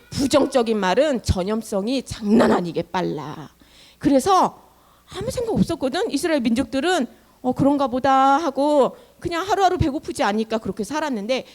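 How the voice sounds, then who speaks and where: A woman giving a Sunday sermon to children, telling the story in a lively way, acting out the people's voices and asking the children questions. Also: high voice. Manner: animated, acts out voices, asks the children questions. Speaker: children's ministry teacher.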